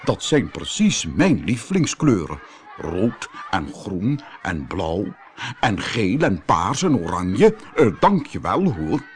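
A man voicing an excitable, absent-minded old male professor in a storybook, exclaiming in a raised voice. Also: slow pace, exaggerated voice. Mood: eager. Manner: high, exclaiming, breathless wonder.

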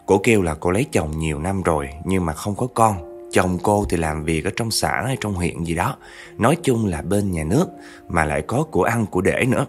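A male storyteller with a lowish voice, telling the tale in a chatty style and turning often to his listeners. Faint music runs under his narration. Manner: chatty, addresses listeners directly. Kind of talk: narrating a true spooky family story.

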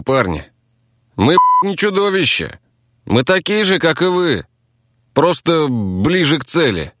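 A man's voice: on the high side, a bit bright, no echo, studio quality, voice pushed up. A man voicing a crude, swearing captive thug. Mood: indignant. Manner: coarse, swearing, blustering, addresses others as brother. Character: crude defiant male captive gang fighter.

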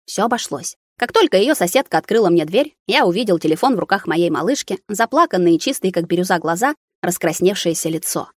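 A woman reading a first-person novel aloud in a measured, steady way. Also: on the low side, no echo, clean studio sound. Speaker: audiobook reader. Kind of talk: scripted first-person narration.

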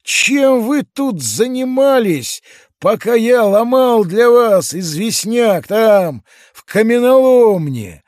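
A bewildered, lonely giant, put on by a male audiobook reader asks his questions slowly and plaintively. The voice sits higher and louder than the reader's own. The recording is dry and close. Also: sing-song, dry recording, full character voice.

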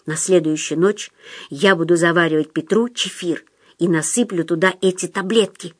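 A woman's voice: fairly even intonation, normal speed, husky, dry recording, clean studio sound. Woman voicing a scheming, whispering male patient. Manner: low, insistent, conspiratorial.

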